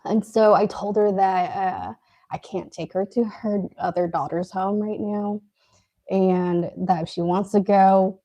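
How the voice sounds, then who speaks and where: A woman's voice: medium pitch, fairly even intonation, measured pace, mellow. A woman co-hosting a casual live stream, telling a story while eating and laughing often. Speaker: co-host.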